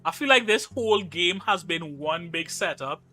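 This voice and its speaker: A young Trinidadian man from Trinidad and Tobago chats casually on a live game stream, cracking jokes and reading chat messages out loud. His voice sits on the high side, with lively intonation and a moderate pace, sounding pushed and bright. Faint music plays behind him.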